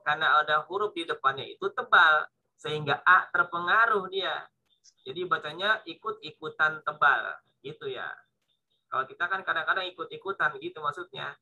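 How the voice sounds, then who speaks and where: A man's voice: on the high side, normal speed, pushed and bright, rough recording. A man with an Indonesian accent teaching Quran recitation, patiently drawing out each syllable as he demonstrates. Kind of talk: online tajwid lesson.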